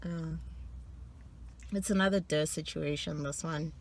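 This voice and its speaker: Here is a woman who talks in an unhurried, drawn-out way, with a voice pitched somewhat low for a woman. She is chatting casually to camera and teasing herself playfully as she works through a quiz. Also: steady tone, slight background noise. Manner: playful, self-teasing, laughs often between answers. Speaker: vlogger quizzing herself.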